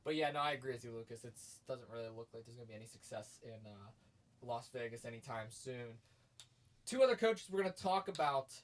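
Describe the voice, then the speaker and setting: On a sports podcast, a male co-host speaks briskly in a mid-range voice, keeping things casual and conversational. His arguments come out emphatic and energetic, and he gets loud and hyped while making them.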